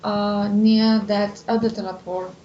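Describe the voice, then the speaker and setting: A woman's voice: medium pitch, little pitch movement, a little slow, mellow, echoey room, highs cut off, a little hiss or hum. A woman with a non-native English accent playing a tabletop game, asking questions with some hesitation. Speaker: player. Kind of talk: casual tabletop play in character.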